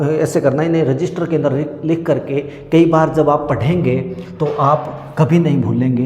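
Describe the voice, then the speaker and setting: A man teaching an exam-prep lesson. He repeats a memory-trick story slowly and explains each word. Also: a little high, darkish tone. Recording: echoey room with long reverb.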